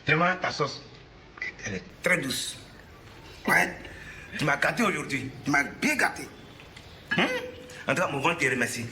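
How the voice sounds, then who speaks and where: A boisterous old Ivorian husband. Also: male voice, a little high, expressive, normal speed, long pauses, a little hiss or hum, full character voice. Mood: teasing. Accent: Ivorian French. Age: older. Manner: boisterous, teasing, loud exclamations. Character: boastful old retired husband, playful and forgetful. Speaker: retired husband. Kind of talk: sitcom acting.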